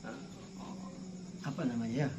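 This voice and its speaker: A man's voice: mid-range voice, fairly even intonation, normal speed, darkish tone. A male preacher giving a playful religious study talk, acting out tearful pleading prayers. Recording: dull lo-fi sound, faint background noise.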